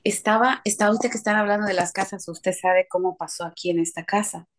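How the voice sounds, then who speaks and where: A woman telling a lively story to her church group, laughing and trailing off as she goes. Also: medium pitch, brisk, a little hiss or hum. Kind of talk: casual storytelling testimony.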